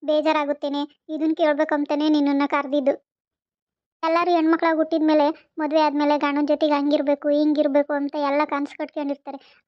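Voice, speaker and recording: A woman playing a caring older mother-in-law who gently coaxes her daughter-in-law in rustic village speech, on a dull lo-fi recording. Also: high voice, no echo, lightly acted.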